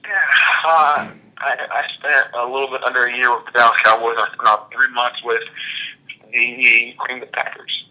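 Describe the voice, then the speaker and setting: A man in his thirties, a former college athlete, talking as an interview guest in a relaxed, reflective way with many fillers. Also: medium pitch, normal speed, poor audio. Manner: relaxed, reflective, frequent "you know" fillers. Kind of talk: casual interview conversation.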